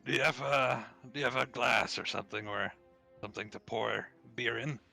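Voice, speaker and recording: A man's voice: mid-range voice, normal speed, vocal fry, bright, forceful tone, soft background music. A man chatting casually as a player in a tabletop role-playing game.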